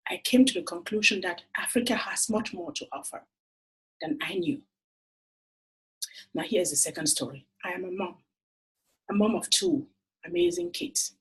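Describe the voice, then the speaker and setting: A woman makes a heartfelt personal appeal straight to camera. Her voice is very husky and breathy, and her pitch swings widely as she tells her stories. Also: big pitch swings, moderate pace, long pauses, fairly bright tone, poor audio. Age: 40s. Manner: earnest, heartfelt storytelling. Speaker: entrepreneur making a funding appeal.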